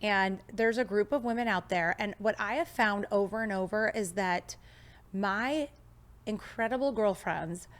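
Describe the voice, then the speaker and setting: An unhurried woman with a medium-pitched voice hosts an upbeat podcast interview from a studio. She's in her thirties and comes across bubbly and enthusiastic, starting with a scripted intro and then chatting with her guest.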